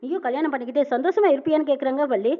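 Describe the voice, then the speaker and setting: A woman quickly retelling a TV serial episode, reporting each character's lines one after another with a tag of who said them. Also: high-pitched. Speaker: serial recap narrator. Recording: narrow phone-like band.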